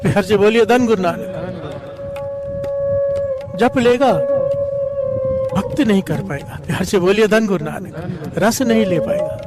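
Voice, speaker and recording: A man, telling a story and breaking into call-and-response chants. Devotional music plays clearly behind him. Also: high-pitched, huge pitch swings, a little slow, pauses often. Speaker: preacher. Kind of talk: devotional katha sermon.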